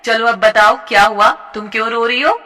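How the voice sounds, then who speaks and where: A woman voicing a gentle, kind schoolteacher. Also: a little high, steady tone, fairly quick. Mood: soothing. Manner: soothing and encouraging.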